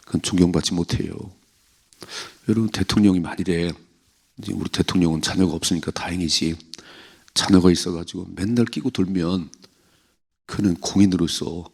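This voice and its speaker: A man's voice: sits low, creaky, husky. A man preaching a sermon at an early morning church prayer service, talking conversationally and putting questions to the congregation. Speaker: pastor.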